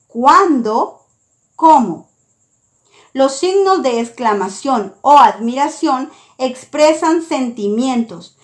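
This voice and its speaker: A woman teacher reading a scripted lesson, deliberate and clear. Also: sits high. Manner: slow, deliberate, reads each term out clearly.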